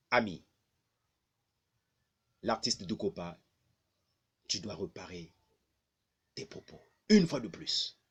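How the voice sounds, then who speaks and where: A man's voice: medium pitch, husky. A man from the Congo with a Congolese French accent, addressing viewers as a blogger and stressing his points by repeating them. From Republic of the Congo. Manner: emphatic, repeating phrases for stress.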